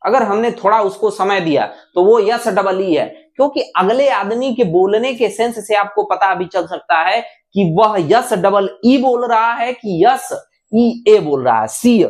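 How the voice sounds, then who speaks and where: A woman teaching English pronunciation, repeating short words slowly and stretching their vowels. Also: mid-range voice, expressive. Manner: drills words slowly, repeating each one with drawn-out vowels. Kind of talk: slow classroom-style lesson.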